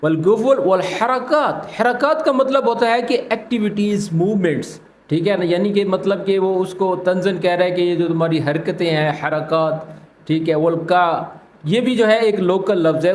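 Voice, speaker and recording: A man hosting a language lesson, patiently explaining phrases and repeating them slowly. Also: high voice, a little mellow, roomy sound, a little hiss or hum. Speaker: Arabic teacher, channel host.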